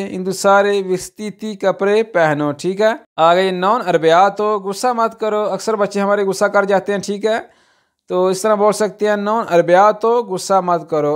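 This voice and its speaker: A man teaching a spoken language lesson who repeats each phrase slowly and keeps checking in with "okay" between points, with a Pakistani Urdu accent. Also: high voice, smooth.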